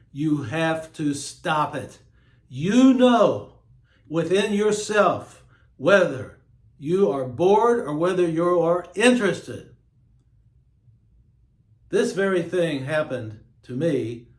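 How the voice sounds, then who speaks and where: A man hosting his own show, talking in a slow, emphatic, preachy monologue. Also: a little high, darkish tone, roomy sound. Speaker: host. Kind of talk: monologue to camera.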